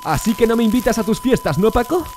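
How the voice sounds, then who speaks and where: A man hosting comic VR gameplay as a mad doctor, theatrical and loud, sometimes breaking into goofy songs. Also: extremely high pitch, lively intonation, quick pace. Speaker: VR gaming host playing a doctor. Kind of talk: comic gameplay role-play. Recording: music playing behind.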